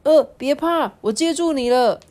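Lady doing a sweet little flying dino kid from a storybook, soft and caring, a bit high. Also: slow. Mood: soothing. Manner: gentle, warning, soothing. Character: kind helpful little pterosaur classmate.

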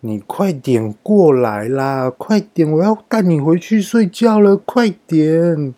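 A man's voice: a little high, expressive, slow pace, mellow, pitched above the performer's own voice. A man acting out his drunk self, pleading in a wheedling, sing-song voice. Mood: coaxing. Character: drunk man coaxing his soap and towel.

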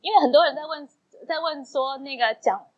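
A woman's voice: sits high, a little fast. A woman co-hosting a casual chat, telling stories in Taiwanese Mandarin and acting out the dialogue. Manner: animated storyteller, acts out quoted dialogue. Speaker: podcast co-host. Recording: dull lo-fi sound.

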